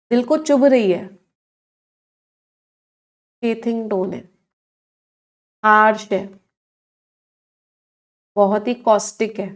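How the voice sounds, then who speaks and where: Woman teacher, exam-prep vocab lesson, mixes Hindi and English, quizzes the class. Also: medium pitch. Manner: explains words in Hindi mixed with English, asks the class questions.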